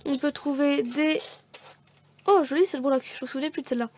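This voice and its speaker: A high-pitched woman talks through her supply haul in a relaxed vlog. She rambles, corrects herself and fills pauses with "euh". Faint background noise sits under the voice. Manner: chatty, rambling, self-correcting with many fillers. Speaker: beauty vlogger showing craft supplies. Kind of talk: casual unboxing chat.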